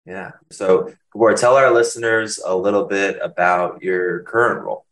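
Deep-voiced male podcast host. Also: moderate pace, fairly bright tone. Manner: polished, upbeat broadcaster delivery. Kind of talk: scripted intro, then interview chat.

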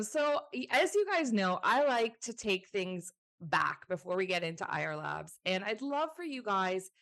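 A woman's voice: medium pitch, a bit bright. Upbeat woman hosting a podcast. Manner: upbeat, enthusiastic introductions. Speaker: podcast host.

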